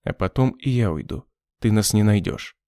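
A man voicing a heartbroken young wife and mother with a hoarse voice and a dull, accusing tone. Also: lowish voice, expressive, normal speed, mellow, dry recording, clean studio sound, lightly acted.

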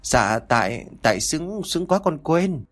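Male narrator doing a soft young wife, higher voice, dutiful and polite, storybook. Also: big pitch swings, moderate pace. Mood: gentle. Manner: gentle, dutiful, forced cheer. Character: young wife hiding her unhappiness.

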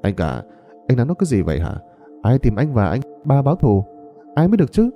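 A man voicing a worried, angry younger brother who fires sharp questions. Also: fairly low pitch, very animated, fast talker, lo-fi sound, faint music behind. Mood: demanding. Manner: pleading then demanding, sharp questions.

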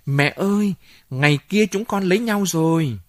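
A man's voice: mid-range voice, animated, normal speed, dry recording, studio quality, pitched above the performer's own voice, close to an everyday voice. Man voicing a giddy nineteen-year-old girl. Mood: excited. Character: young woman in love, nineteen, giddy.

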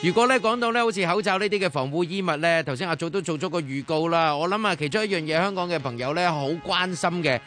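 A man's voice: a little high, a bit bright. A man with a Hong Kong Cantonese accent co-hosts a talk show, chatting casually and commenting on the news. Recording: music behind the voice. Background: background music.

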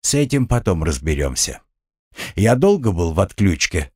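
A man voicing a calm young male mage commander who gives orders plainly. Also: sits low, moderate pace, slightly rough, dry recording, studio quality, heavily acted.

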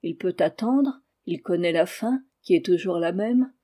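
Calm, mellow woman narrating a story. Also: fairly low pitch. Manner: calm, measured reading. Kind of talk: audiobook narration.

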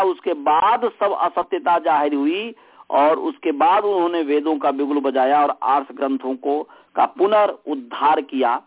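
A man teaching a group over a call, telling a story in a slow, measured way while his voice breaks up and cuts out on the line. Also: a little high. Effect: voice breaking up and cutting out on the call line. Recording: tinny, dropping-out phone line.

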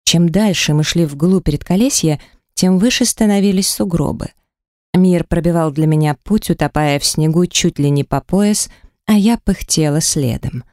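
A narrator reads a first-person audiobook in a measured, steady way. The voice is mid-pitched. It is recorded in a studio with a very dry, close sound. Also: no echo.

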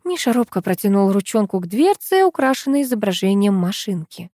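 Woman, audiobook narrator, first-person story, even ironic delivery, mid pitch, dry close mic. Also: brisk, no room sound.

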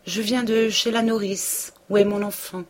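A woman's voice: medium pitch, steady tone, normal speed, pitched above the performer's own voice, natural voice. A woman reading a novel aloud, voicing a young married woman who speaks hesitantly and evasively. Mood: nervous.

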